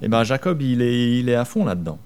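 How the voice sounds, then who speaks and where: Speaking briskly in a sing-song, medium-pitched voice that is clear, resonant and a little mellow, this male pastor preaches conversationally. He throws rhetorical questions at the congregation and whispers out his own worries as if acting them.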